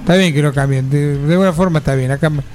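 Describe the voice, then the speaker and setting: A man's voice: fairly high pitch, fast, darkish tone, slight background noise. A man, making dry, matter-of-fact quips as a pundit on a comic football panel.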